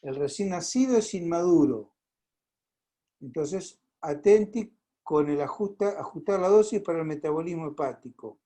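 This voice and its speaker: An Argentine man lecturing a class on pharmacology over a video call, conversational, filling pauses and checking in with the class. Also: on the high side, lively intonation, dark tone, low-quality recording. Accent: Argentine Spanish.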